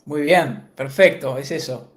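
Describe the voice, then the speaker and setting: Relaxed male podcast co-host. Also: fairly high pitch. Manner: brisk, relaxed quiz answers. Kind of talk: live-streamed podcast chat.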